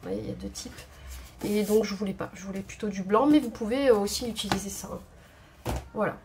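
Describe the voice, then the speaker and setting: A woman's voice: medium pitch, steady tone, a little fast, gravelly, noisy background. A woman hosting a craft video at home, chatting casually and thinking aloud with many hesitations. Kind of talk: casual tutorial chat. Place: home craft table indoors.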